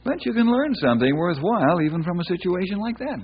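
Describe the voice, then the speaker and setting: An actor playing a friendly, helpful ranger hero with a husky voice and hearty, neighborly manner in a radio western. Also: male voice, high-pitched, big pitch swings, quick pace, exaggerated voice. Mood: reassuring. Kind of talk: old time radio western acting. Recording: dull old radio recording.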